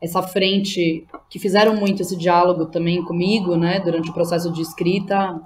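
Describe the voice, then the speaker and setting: On a relaxed podcast, a woman from São Paulo who works as a playwright and theatre educator chats informally and with slang as the interview guest. Her voice is on the low side, steady and at normal speed; she muses aloud, checks in with the listener frequently, and there's slight background noise.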